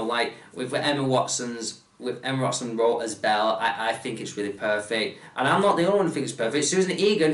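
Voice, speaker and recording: A man chatting casually about a movie trailer, hesitant and stammering, with frequent restarts and filler words. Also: mid-range voice. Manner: hesitant, stammering, full of restarts and "you know". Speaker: movie trailer reaction vlogger. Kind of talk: casual movie reaction commentary. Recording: echoey room, mic at a distance.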